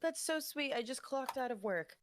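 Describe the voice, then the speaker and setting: A woman's voice: sits high, lively intonation, a little hiss or hum. Bubbly young woman telling work stories. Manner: bubbly, swearing, quick storytelling. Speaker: guest streamer. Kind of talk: casual voice chat.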